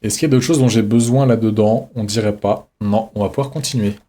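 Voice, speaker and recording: Guy streaming a game, chill and chatty, thinking out loud to viewers. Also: fairly low pitch, a little fast. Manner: relaxed, reflective, thinks aloud. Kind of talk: live gameplay commentary, chatting with viewers.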